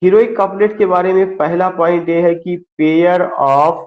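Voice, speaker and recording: धीमा बोलने वाला पुरुष शिक्षक. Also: male voice, high voice, steady tone, phone-quality sound. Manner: slow, deliberate, spells words letter by letter, mixes Hindi and English. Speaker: literature teacher. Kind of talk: online lecture, explaining and spelling out terms. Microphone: screen-share with whiteboard, computer mic.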